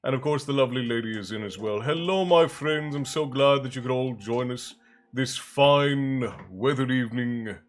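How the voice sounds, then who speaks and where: With soft music in the background, a man hosts a livestream at a moderate pace in a mid-range voice. He keeps things casual and jokey, greeting viewers by name. He's still slightly congested and has a bit of a chesty cough.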